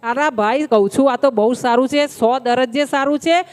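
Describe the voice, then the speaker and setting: A woman's voice: sits high, moderate pace, darkish tone, clean tone, in a large hall, lightly acted. A woman storyteller voicing a cheerful male friend who teases his host in a jovial way. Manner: jovial, teasing.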